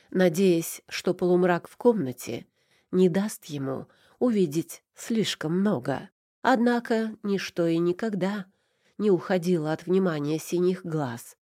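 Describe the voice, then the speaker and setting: A woman narrating a first-person romance novel in an emotive, measured reading. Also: on the low side, dark tone, no echo, clean studio sound. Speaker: audiobook narrator.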